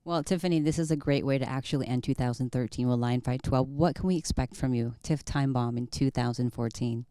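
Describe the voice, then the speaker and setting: Low, mellow woman reporter. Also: a little fast, no room sound. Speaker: sports interviewer and reporter. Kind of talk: prepared broadcast interview questions.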